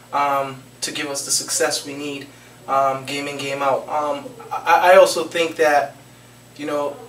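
Young male footballer, post-game interview, flat steady delivery, mid-high voice, roomy office, mic a bit far off. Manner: steady, earnest, repeats phrases and restarts with um. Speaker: soccer forward, interviewee. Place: small office with trophy shelves, indoors. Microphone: handheld mic held out by interviewer. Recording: echoey room, mic a bit far, faint noise.

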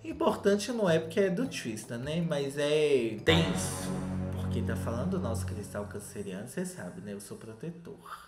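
A young man with a Brazilian Portuguese accent recapping a reality show in a campy, dramatic gossip style. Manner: campy, dramatic, acts out quotes in shrill voices. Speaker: reality TV commentator. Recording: roomy echo, faint background music.

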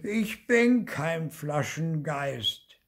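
A man's voice: sits high, big pitch swings, slow, dark tone, slightly rough, voice pushed up, full character voice. An old man wailing as a terrified little ghost girl. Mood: wailing scared. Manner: sobbing, whimpering, stammering. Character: timid wailing ghost girl, always scared.

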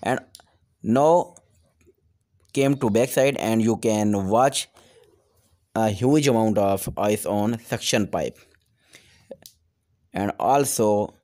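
A man's voice: on the low side, slow pace, long pauses, mellow. Pakistani-accented man giving repair instructions. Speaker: technical tutorial host.

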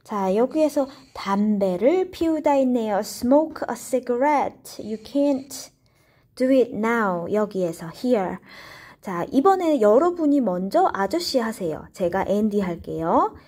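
A woman runs a Korean lesson, explaining each point in English and reading the dialogue lines slowly and deliberately. Her voice is mellow and fairly high, with an unhurried, patient pace. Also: expressive. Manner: plays both roles in short dialogue drills. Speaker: Korean language teacher. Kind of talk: slow bilingual lesson with repeat-after-me drills.

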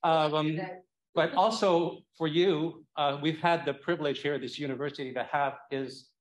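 A man's voice: a little high, fairly even intonation, moderate pace. An older man giving an informal, anecdotal speech to an audience, rambling and hesitating as he goes. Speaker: speaker giving closing remarks. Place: indoor lecture room, speaking through a face mask. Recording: echoey room, voice off-mic at times.

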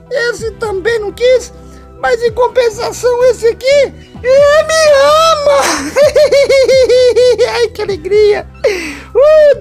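A squeaky, weepy little toy doll. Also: male voice. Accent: Brazilian Portuguese. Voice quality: high squeaky cartoonish voice. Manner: whiny, tearful pleading with frequent giggles. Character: squeaky little male toy doll, needy and eager for friends. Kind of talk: comic voice-over for a home video.

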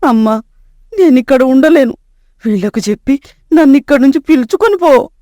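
A woman doing a high, pleading old grandmother. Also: expressive, moderate pace, dark tone, no echo, clean studio sound. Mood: distressed. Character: poor old village grandmother, homesick and gentle. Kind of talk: storybook voice acting.

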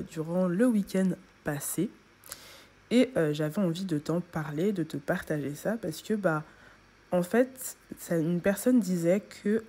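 A young woman talks casually to her viewers as a vlogger, addressing them directly and chattily. Her voice is soft and mellow, with a slightly breathy, husky edge. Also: lowish voice. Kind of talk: casual vlog chat. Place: at home.

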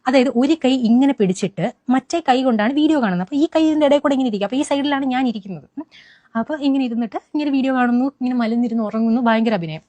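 A woman's voice: sits high, dry recording. A young woman, animatedly retelling what happened to her in an eyewitness account. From Kerala, India. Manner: rapid, animated retelling with many restarts. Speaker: eyewitness recounting an incident. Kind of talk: first-person account.

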